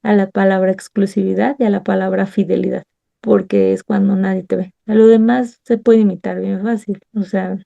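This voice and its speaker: A woman's voice: mid-range voice, flat delivery, normal speed, vocal fry, dull audio. A woman with a Mexican accent leading a Bible study, sharing a heartfelt personal testimony and acting out remembered conversations. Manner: warm, storytelling, acts out remembered dialogue.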